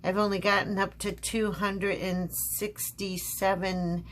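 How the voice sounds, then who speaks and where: Slow-talking American craft vlogger woman. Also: medium pitch, flat delivery, a bit bright, slight background noise. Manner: rambling, frequent ums and restarts; frustrated, complaining. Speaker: craft channel host. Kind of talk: casual craft vlog.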